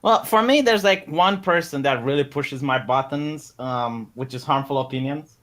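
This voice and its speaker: A man debating on a casual livestream, talking fast with stammered restarts. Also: medium pitch, fairly bright tone. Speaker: guest debater.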